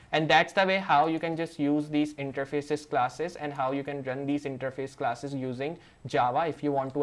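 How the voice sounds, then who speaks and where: Brief: male tutor, screen-recorded coding walkthrough, explains each step as he goes, heavy on verbal fillers. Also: fairly high pitch. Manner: walks through steps while working; leans on fillers like "you can say". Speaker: programming tutor.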